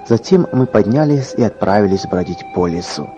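A man narrating a scripted story in an earnest, dramatic way, sometimes dropping to a hush. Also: on the low side, animated, moderate pace, over music. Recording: dull lo-fi recording.

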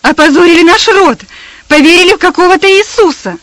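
Wailing spoiled heiress, read by a woman, high-pitched and shrill, storybook drama. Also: fairly quick, a bit bright, dry recording, low-quality recording. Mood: frantic accusing. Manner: shrill, crying out. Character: distraught rich young woman, proud, hysterical.

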